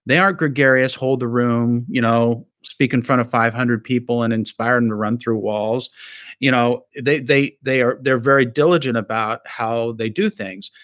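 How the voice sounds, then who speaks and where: A middle-aged man from Nebraska, a podcast guest telling sales stories in a casual, animated way, peppered with "you know". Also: mid-range voice, moderate pace, dry recording. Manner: animated anecdotes with acted-out quotes, frequent you-knows. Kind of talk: conversational storytelling.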